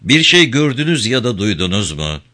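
A man voicing a weary male detective who asks questions in a low, measured way, in an audiobook reading. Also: big pitch swings, bright, forceful tone. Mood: questioning.

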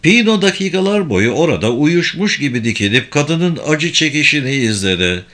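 A man narrating an audiobook in a measured, somber reading. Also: on the high side, sing-song, a bit bright.

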